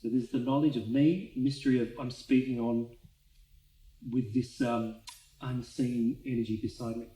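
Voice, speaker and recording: A man leading a drama workshop, calmly giving movement instructions with pauses, recorded from a distance in an echoey room. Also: medium pitch. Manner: calm, guiding instructions with pauses.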